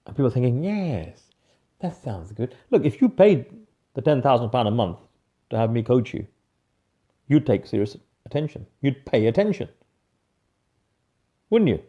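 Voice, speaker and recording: A man giving an energetic live motivational coaching talk, emphatic, repeating key phrases and calling viewers by name. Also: mid-range voice, moderate pace, pauses often, dull audio.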